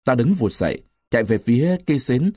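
A man's voice: medium pitch, big pitch swings, fairly quick, darkish tone, husky, dry recording, clean studio sound. A man reading a war story aloud in first person, dramatic and storytelling, voicing the characters' lines himself. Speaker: narrator.

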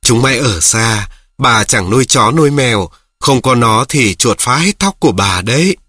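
A man's voice: mid-range voice, expressive, moderate pace, sharp tone, slightly rough, dry recording, clean studio sound. A man voicing a kindly old village grandmother who scolds fondly in homely speech. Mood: fond, easygoing.

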